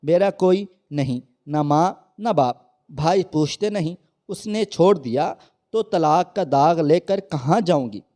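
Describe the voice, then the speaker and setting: A man's voice: on the high side, animated, takes it slowly, dark tone. Man voicing a pleading tearful young wife. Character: battered, grieving young wife.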